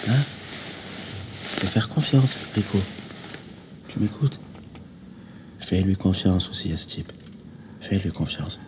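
An actor playing a friend who gently coaxes and reassures a grieving man in a radio drama. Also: deep voice, lively intonation, takes it slowly, long pauses, background noise. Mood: soothing. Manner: gentle, coaxing.

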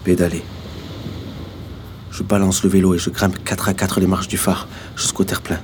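A man narrating in the first person for a radio drama, quiet, measured and somber. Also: deep voice, little pitch movement, close to an everyday voice. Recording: noisy background.

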